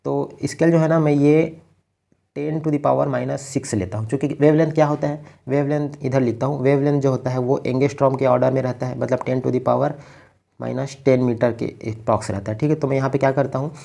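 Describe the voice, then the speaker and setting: Gravelly-voiced man teaching physics slowly. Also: mid-range voice, little pitch movement, dark tone. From India. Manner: patient, explains slowly step by step; keeps checking in with "ठीक है". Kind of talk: blackboard lecture.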